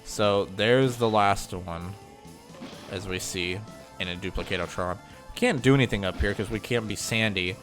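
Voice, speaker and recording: Fairly low in pitch and a bit bright, the host's voice moves at a moderate pace over faint background music. Mildly congested and slightly nasal, he offers rambling, chatty gameplay commentary peppered with ums and self-corrections.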